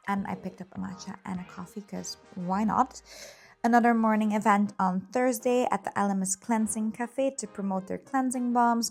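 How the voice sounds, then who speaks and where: A woman with a medium-pitched voice talks casually to her vlog audience. She sounds upbeat and enthusiastic as she narrates in an easy, chatty way. Faint music plays behind her. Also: a little mellow. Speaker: lifestyle vlogger.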